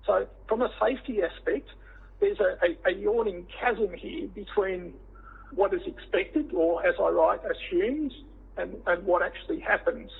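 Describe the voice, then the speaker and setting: An Australian man with a croaky, froggy, hoarse voice gives measured, halting formal testimony over a teleconference line. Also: high-pitched. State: hoarse after throat surgery. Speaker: witness, director of a tyre safety body. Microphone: phone or teleconference line. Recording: tinny, band-limited teleconference line.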